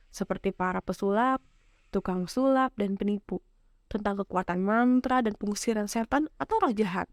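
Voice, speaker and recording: A woman reads an audiobook aloud at a calm, measured pace. Her voice sits in a middle register and is recorded dry and close, with no room sound around it. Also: mid-range voice, dry recording. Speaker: audiobook narrator. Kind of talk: scripted audiobook narration.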